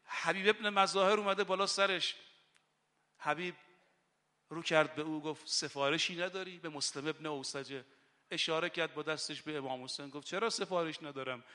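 A cleric delivers a religious sermon, his voice high and bright. He moves from soft, explaining passages to loud, impassioned preaching. The sound rings with the long reverb of a large hall.

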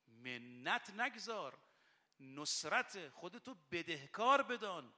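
A cleric delivers a religious sermon, his voice high and bright. He moves from soft, explaining passages to loud, impassioned preaching. The sound rings with the long reverb of a large hall.

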